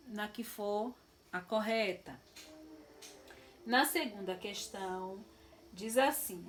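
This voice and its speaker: A Brazilian woman teacher walks her pupils through a lesson at an unhurried pace. Her voice sits a little high, and she explains patiently with frequent check-ins. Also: slight background noise. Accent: Brazilian Portuguese. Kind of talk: recorded classroom lesson.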